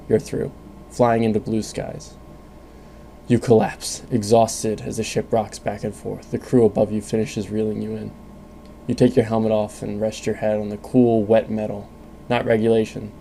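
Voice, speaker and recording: A man reading a scripted second-person story in a calm, measured way. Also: fairly low pitch, creaky, slight background noise. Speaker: narrator.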